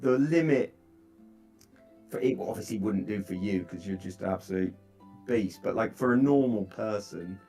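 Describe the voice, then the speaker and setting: Animated man talking tech over a laptop mic. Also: lowish voice, normal speed, creaky, faint music behind. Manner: animated, with fillers and restarts. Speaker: software developer chatting on a call. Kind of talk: casual chat. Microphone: laptop microphone.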